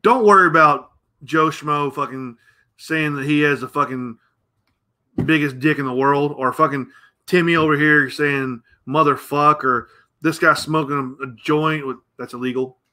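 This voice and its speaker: A middle-aged man from the United States rants on his own show, blunt and crude, piling up curses as he rambles. His voice is bright and forceful, sitting a little high for a man. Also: steady tone, moderate pace. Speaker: podcast host. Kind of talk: opinionated rant.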